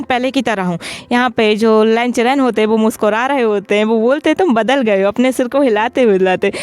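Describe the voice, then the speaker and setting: A woman with a smooth, clear voice pitched a little high retells a drama in a relaxed, chatty way. She walks through each scene step by step and speaks every character's lines in her own plain voice. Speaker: drama recap narrator. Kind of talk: casual storytelling recap.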